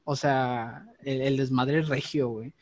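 A man's voice: mid-range voice, steady tone, takes it slowly. A man with a northern Mexican Monterrey accent chatting casually, with slangy, profane banter. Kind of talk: casual chat.

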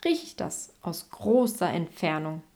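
A woman voicing a calm, friendly big male dog in a storybook reading. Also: fairly low pitch, unhurried.

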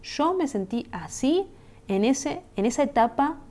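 Woman, Rioplatense Spanish accent, podcast host, warm mellow voice, reflective self-help talk, conversational. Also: sits high, very animated, a little slow. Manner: conversational, asks "¿se entiende?" often.

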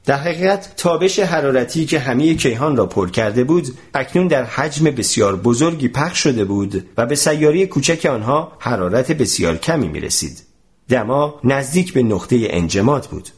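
A man narrating a storybook in an expressive, animated way. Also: mid-range voice. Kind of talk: storybook reading.

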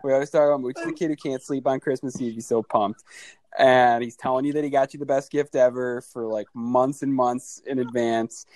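A man's voice: mid-range voice, steady tone, fairly quick, a little mellow, no echo. Laughing, swearing man in his thirties. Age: 30s. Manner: laughs often, swears, acts out family scenes. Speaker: podcast host. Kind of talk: casual chat.

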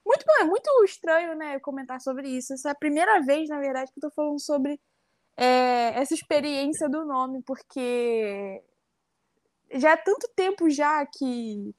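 High-voiced young Carioca woman. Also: no room sound, studio quality. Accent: Carioca Brazilian Portuguese. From Rio de Janeiro, Brazil. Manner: chatty, reflective, frequent tag questions. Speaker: guest. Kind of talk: casual interview conversation.

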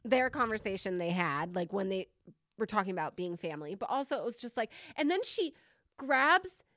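A woman co-hosting a podcast, chatting casually about a movie, giggly and expressive, saying "like" a lot. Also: mid-range voice, moderate pace, no echo, studio quality. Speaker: podcast co-host. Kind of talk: casual movie review chat.

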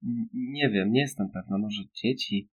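A man's voice: on the low side, measured pace, lightly acted. A man voicing a worn-out, nervous mother who hesitates as she speaks. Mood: unsure. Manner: hesitant, faltering.

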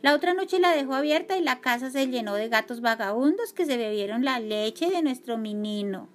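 A woman's voice: high-pitched, lively intonation. A woman doing a grumbling, offended ghost. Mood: aggrieved. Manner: aggrieved, quick, mimicking others.

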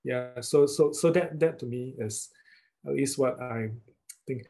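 A man with a Singaporean accent answering interview questions casually, often pausing and rephrasing mid-sentence in a hesitant way. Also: mid-range voice, gravelly, dark tone. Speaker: guest, writer and researcher.

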